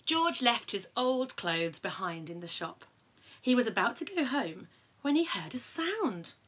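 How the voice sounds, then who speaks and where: A young woman reading a picture book aloud to her toddler in a child's bedroom, animated and coaxing, with quiet asides. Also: fairly high pitch, unhurried, breathy edge. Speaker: parent reading a bedtime story.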